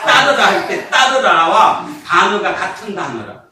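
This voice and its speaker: A male pastor preaching with a lively voice that leaps up and down. He keeps throwing questions at his listeners, stretches key words out slowly and breaks into laughs and shouts. The sound comes from a booming church hall, picked up from a distance. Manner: keeps asking the congregation rhetorical questions; animated, often laughing and shouting for emphasis. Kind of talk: sermon. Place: church sanctuary. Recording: echoey hall, mic far off, noisy.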